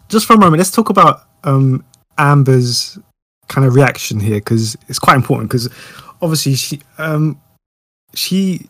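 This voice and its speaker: A man's voice: medium pitch, fairly bright tone, dry recording. A man hosting a casual chat, steering the topic back with hesitant, um-filled questions. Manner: hesitant, many "um"s. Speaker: podcast host steering the topic.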